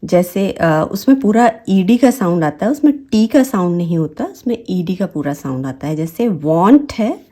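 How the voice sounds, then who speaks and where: A woman with a Hindi accent, teaching English phonics. She says each example word slowly and repeats it several times. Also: fairly low pitch, dark tone. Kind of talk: slow, deliberate teaching with repeated example words.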